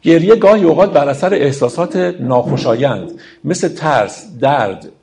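A man's voice: mid-range voice, lively intonation, vocal fry, darkish tone. A man giving a lecture on classical poetry, explaining verses and addressing his listeners as friends.

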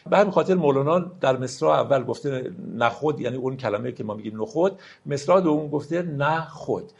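Male poetry teacher, mid-pitch, gravelly and husky, lecture style. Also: expressive, darkish tone, muffled recording. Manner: reads verses slowly and drawn out, explains in quick asides. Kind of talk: lecture with slow poetry recitation.

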